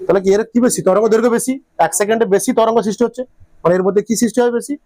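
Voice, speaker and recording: A man's voice: sits high, steady tone, very fast, warm tone, no echo. A man teaching a physics class, repeating his questions to the students and checking often that they follow. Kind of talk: classroom lecture.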